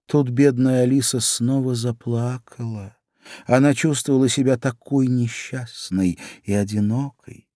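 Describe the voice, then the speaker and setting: A man narrating a children's storybook audiobook in a slow, measured storytelling voice. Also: medium pitch, fairly even intonation, warm tone, dry recording, clean studio sound.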